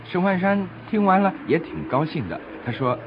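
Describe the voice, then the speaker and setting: A man's voice: high-pitched, animated, normal speed, background noise. A man narrating a scripted story for children, explaining things simply and expressively as if to small listeners. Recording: dull lo-fi recording with music behind.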